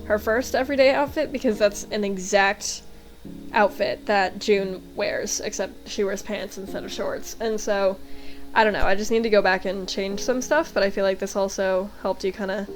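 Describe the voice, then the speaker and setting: Young American woman, easygoing chatty game commentary with soft music under it. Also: mid-range voice, steady tone, normal speed. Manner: chatty, lots of fillers like um and like. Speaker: game vlogger. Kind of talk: casual voice-over commentary.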